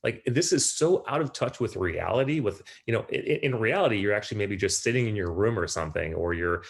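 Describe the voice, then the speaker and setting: Male podcast host, low register, eager and animated, casual interview talk. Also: brisk, creaky. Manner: animated, eager, repeats words when excited.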